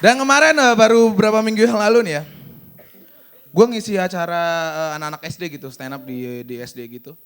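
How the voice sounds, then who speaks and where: A young man performing a stand-up comedy set on stage, telling his story in an animated way and acting out the dialogue. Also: high-pitched, brisk, clean tone, some chatter behind. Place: comedy stage before a live audience. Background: audience laughter.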